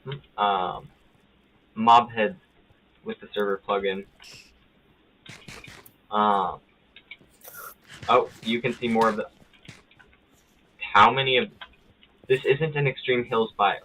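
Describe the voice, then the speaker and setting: A man streaming a video game live, chatting casually with a friend, rambling and correcting himself mid-sentence, and getting excited at small finds. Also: on the low side, slow pace, pauses often. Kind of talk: casual chat while gaming live. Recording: tinny phone-like audio with faint hiss.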